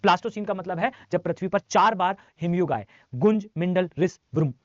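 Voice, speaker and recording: A man's voice: sits high, brisk, no echo. Man drilling lists in an online class. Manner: drills lists by rote, repeating for students; mixes English phrases into Hindi. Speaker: teacher. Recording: dull dry lo-fi mic.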